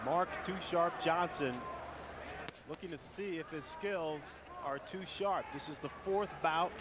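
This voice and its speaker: A man giving measured live boxing commentary, filling in background on the fighters. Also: a little high. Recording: very noisy live arena broadcast.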